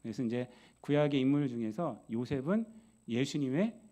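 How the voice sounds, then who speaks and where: A man preaching a sermon as pastor, telling Bible stories in a lively way and acting out their voices with many rhetorical questions. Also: mid-range voice, normal speed.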